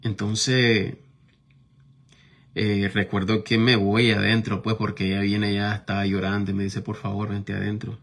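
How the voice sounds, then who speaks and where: A middle-aged Nicaraguan preacher recounts his testimony in a conversational sermon, often turning to his listeners with tag questions. His fairly low voice, a bit bright, shows little pitch movement and runs slightly slow.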